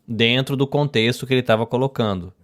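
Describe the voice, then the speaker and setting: A man's voice: medium pitch, fairly quick. Man, Brazilian accent, podcast host, casual interview, rambling, self-correcting. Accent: Brazilian Portuguese.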